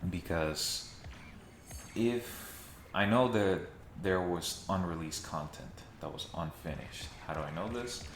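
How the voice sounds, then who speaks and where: Man, very deep voice, casual commentary, echoey reverb of a bare empty room, faint background hiss. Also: slow pace. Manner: conversational, dryly sarcastic at times. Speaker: video essayist. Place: mostly empty room in a new home.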